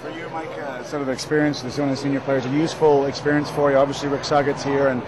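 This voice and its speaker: A man hosting post-match interviews at an outdoor stadium, asking brisk, chatty questions. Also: mid-range voice, little pitch movement. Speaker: host and interviewer. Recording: crowd noise behind.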